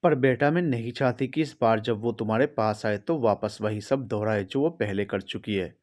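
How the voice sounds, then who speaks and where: A man with a fairly low voice voicing a stern but loving middle-aged mother in a read-aloud story, speaking earnestly and with some pleading. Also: moderate pace, a little mellow, natural voice. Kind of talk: storybook reading.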